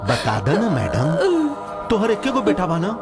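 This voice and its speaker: Guy doing a sneering villain boss, slightly high voice that swoops a lot, music going behind. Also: big pitch swings, moderate pace. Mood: threatening. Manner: taunting, gloating. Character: menacing male gang boss, mocking and cruel. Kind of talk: amateur spoof film acting. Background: background music.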